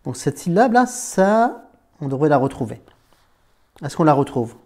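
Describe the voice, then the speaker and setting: A man teaching a beginner to read Arabic letters, patient and informal, often checking understanding and slowly sounding out syllables. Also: fairly high pitch, very animated, darkish tone. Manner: patient, informal, talks to one learner as "tu", checks understanding with "d'accord?"; slows down and stretches words to sound them out. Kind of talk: Arabic reading lesson.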